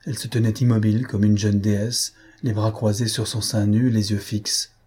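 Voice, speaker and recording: A man narrating a classic novel in a measured, steady storytelling manner. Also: on the low side, breathy edge. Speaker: audiobook narrator. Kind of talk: scripted narration.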